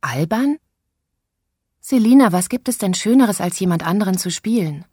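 An eager young girl giving firm directions, as a woman reader acts her out. Her voice is raised and a bit breathy, recorded dry and close for a storybook. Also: medium pitch, moderate pace, no echo, voice pushed up. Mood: coaching. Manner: coaching, insistent, animated.

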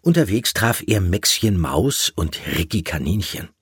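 Male narrator, low husky voice, lively intonation, dry sound. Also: measured pace, dry recording. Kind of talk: storybook reading.

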